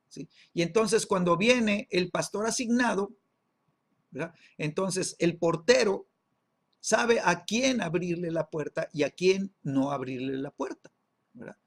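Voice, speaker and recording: A man's voice: sits high, vocal fry. A man teaching an online Bible class, checking in with listeners through constant tag questions and repeating words while he searches for the next one. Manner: peppers speech with tag questions.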